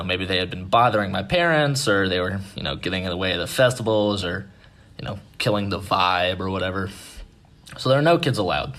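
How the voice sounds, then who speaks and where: A man with a fairly low voice telling a ghost story the way you'd tell it to friends. He is relaxed and self-mocking, with swearing thrown in. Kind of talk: casual spoken ghost story.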